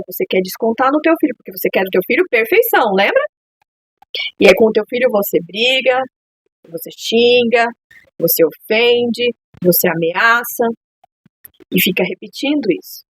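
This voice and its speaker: A woman's voice: a little high, breathy edge, dry recording, low-quality recording. A woman hosting a parenting talk, speaking in an earnest, heartfelt way and repeating phrases for emphasis. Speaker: podcast host speaking to parents. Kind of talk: earnest advice monologue.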